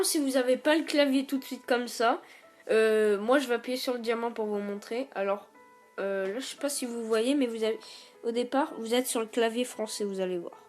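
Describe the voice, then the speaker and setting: High-voiced woman, halting tutorial chat. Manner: hesitant, many filler sounds and restarts. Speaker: YouTube tutorial host. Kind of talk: casual screen-recorded tutorial.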